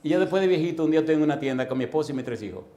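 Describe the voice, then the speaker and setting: A man preaching a sermon as a pastor, telling stories animatedly and acting out voices and sounds, with forceful emphasis. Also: fairly high pitch, animated, very fast, reverberant, highs cut off. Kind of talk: storytelling sermon.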